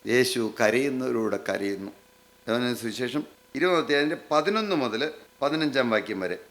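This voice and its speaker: Man, preacher, sermon, mid-pitched voice, repeats phrases, drawn-out emphasis, asks the congregation questions. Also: animated, a bit bright. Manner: repetitive, emphatic phrasing with slowed, drawn-out lines; addresses listeners directly with questions.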